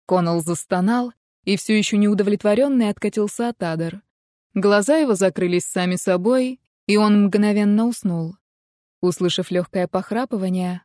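A woman's voice: medium pitch, darkish tone, no room sound, studio quality. Woman narrating a romance audiobook.

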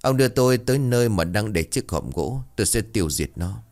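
A man's voice: on the low side, lively intonation, fairly quick, darkish tone, close to an everyday voice. A man voicing an older male exorcist who speaks firmly and gets straight to business. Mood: resolute. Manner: firm, businesslike.

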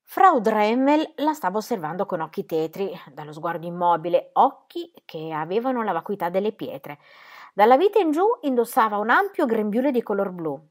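A woman reading a novel aloud in a calm, measured narration. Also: medium pitch. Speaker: audiobook reader. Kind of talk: literary audiobook narration.

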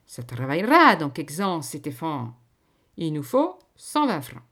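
A woman voicing a shrewd peasant wife who bargains in a blunt, loud, rustic way. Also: low-pitched, very animated, a little slow, breathy edge, full character voice.

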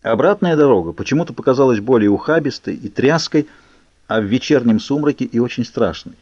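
A man reading a novel aloud as scripted narration, steady and even. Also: mid-range voice, fairly quick, dry recording. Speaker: audiobook reader. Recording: muffled lo-fi recording.

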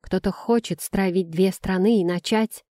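A woman narrates a fantasy audiobook in the first person, at a measured and expressive pace. Her voice is warm and dark in tone, and the recording is dry and close. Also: mid-range voice, dry recording.

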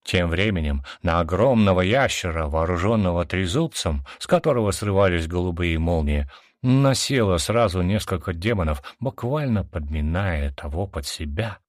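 A man's voice: low-pitched, expressive, moderate pace, no echo, studio quality. A man narrating a fantasy audiobook with dramatic storytelling.

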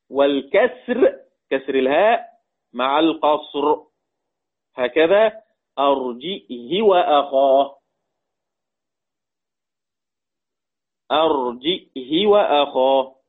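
A man with an Egyptian Arabic accent teaching Quran readings in class, quizzing his students and slowly chanting each reading. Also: fairly high pitch. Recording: tinny phone-like recording.

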